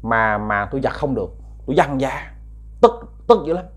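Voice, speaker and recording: A man voicing the ghost of a drowned woman, crying out in a high, strained, plaintive voice. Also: lively intonation, moderate pace, natural voice. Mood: resentful. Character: wailing drowned woman's ghost, fierce yet lost.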